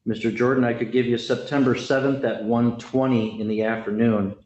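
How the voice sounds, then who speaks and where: A man serving as judge in a courtroom, speaking haltingly with many fillers and self-corrections. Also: mid-range voice, steady tone, a little mellow. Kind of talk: courtroom proceedings. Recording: echoey, dull courtroom audio with faint noise.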